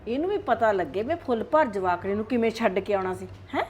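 A woman with a Punjabi accent playing a scheming older grandmother who coaxes a child in a soft, conspiratorial way. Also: mid-range voice, lively intonation, quick pace, a little hiss or hum, close to an everyday voice. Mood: coaxing. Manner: coaxing, conspiratorial.

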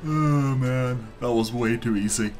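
A man's voice: mid-range voice, unhurried, a little mellow, faint music behind. A man chatting casually while playing a game with friends, dry and teasing, signing off the episode. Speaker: co-host gamer. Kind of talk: casual gaming chat.

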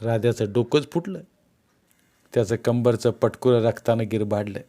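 A man narrating a literary short story in a steady, measured reading voice. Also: medium pitch.

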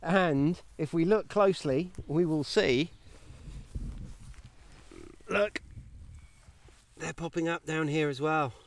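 Slow and full of long pauses, a man in his thirties with a voice on the high side walks a grassy paddock sharing mushroom foraging tips for his homesteading channel. He sounds chatty and enthusiastic as he points things out, and the phone, held at arm's length, picks up a little hiss or hum.

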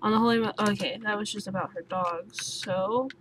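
A young woman playing a puzzle game and thinking out loud, swearing often and sounding sleepy. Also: mid-range voice, fairly even intonation, moderate pace. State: sleepy, just woke up. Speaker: gaming YouTuber. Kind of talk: let's play commentary. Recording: noisy home recording with keyboard sounds.

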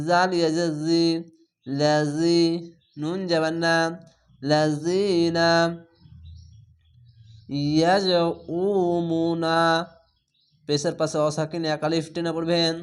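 A man teaching Quran reading, spelling out each letter and vowel and then drawing out the recited words slowly. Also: on the high side, level tone, smooth.

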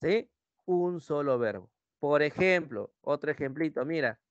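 With a slightly high, expressive voice at a measured pace, a young pre-university language teacher with a Peruvian Spanish accent lectures his online class. The audio is muffled with no room sound, and he keeps repeating himself and checking in with students using "¿sí?".

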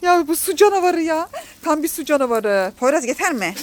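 High, lively mother scolding and coaxing. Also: a little fast. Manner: coaxing and scolding, laughing often. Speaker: mother filming her children. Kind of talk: casual family vlog. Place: outdoor garden.

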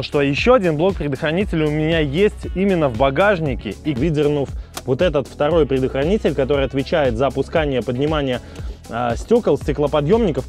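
A man's voice: on the high side, darkish tone. A man in his thirties with a burry, non-standard r, explaining step by step in a how-to car vlog and addressing viewers as friends. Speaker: car repair vlogger. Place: outdoors in a residential yard beside a car.

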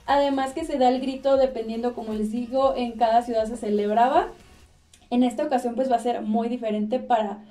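Young Mexican woman fashion vlogger, high mellow voice, chatty and upbeat, mic a touch distant. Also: fairly even intonation, fairly quick. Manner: cheerful, chatty, laughs often. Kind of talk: casual chat to camera. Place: small indoor room with clothes rack.

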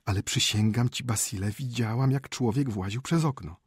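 A man reading an audiobook and voicing a frightened, indignant wife in a shrill, pleading voice. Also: normal speed, breathy edge, dry recording, studio quality, natural voice. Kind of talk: audiobook character voice.

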